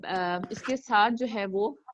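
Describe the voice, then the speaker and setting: A woman teaching a recitation lesson over a video call, modeling words slowly and patiently for a student to repeat. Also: medium pitch, a bit bright, a little hiss or hum. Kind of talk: online tajweed lesson.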